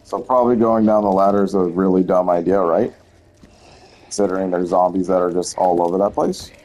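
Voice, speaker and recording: Brief: male let's-play commentator, deep voice, laid-back and wry. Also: fairly quick. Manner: relaxed, wry, swears casually. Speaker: gameplay streamer.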